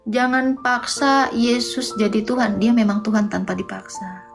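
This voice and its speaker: A woman's voice: on the high side, steady tone, normal speed, vocal fry. A woman hosting a casual livestream debate, teasing and mocking viewers with sing-song rhetorical questions. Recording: music playing behind the voice.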